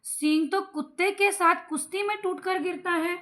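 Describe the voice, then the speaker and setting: A woman's voice: extremely high pitch, steady tone, moderate pace, sharp tone, pitched above the performer's own voice. A woman voicing a friendly, easygoing deer in a children's story. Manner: kindly, amused.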